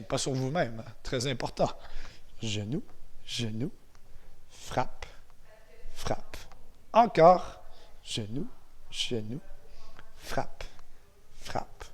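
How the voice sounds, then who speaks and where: A man with a Québécois accent teaching a martial arts class to viewers, encouraging them and counting the moves aloud. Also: medium pitch. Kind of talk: guided exercise class for viewers.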